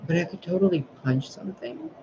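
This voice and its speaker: A man's voice: sits high, fairly quick. A man talking to camera in a casual vlog, rambling and swearing freely as he vents about his day. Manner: rambling, profane, venting. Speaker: spiritual sign reader. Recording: dull lo-fi recording with clear background noise.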